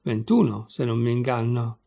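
A man voicing a village innkeeper who talks in a meek, honeyed and pleading way, with a gravelly voice. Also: medium pitch, moderate pace, warm tone. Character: male village innkeeper, honeyed then quick to fury.

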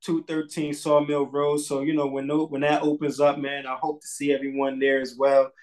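Laid-back barber on a video call. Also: male voice, on the high side, normal speed, poor audio. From Bridgeport, Connecticut. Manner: relaxed, loose, swears casually, repeats words. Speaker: barber, podcast guest. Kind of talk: casual interview chat. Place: small barbershop indoors.

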